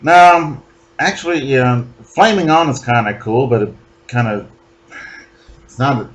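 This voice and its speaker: A man co-hosting a podcast, chatting about comics in a relaxed, wry way and often trailing off mid-thought. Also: mid-range voice, a little slow, lo-fi sound. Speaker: podcast co-host. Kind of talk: casual comic book discussion.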